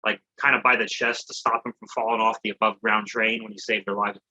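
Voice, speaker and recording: A man with a very bright, husky voice co-hosts a comedy podcast in a loose, profane ramble. He laughs often and circles back on himself as he talks. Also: lowish voice, flat delivery, fast talker, highs cut off. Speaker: podcast co-host. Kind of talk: casual comedy chat.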